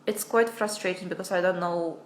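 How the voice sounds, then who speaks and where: A young American woman livestreams an informal English class from her home via phone, chatting hesitantly and laughing at her own expense. She speaks a little fast in a fairly low, fairly even voice, with roomy echo and slight background noise.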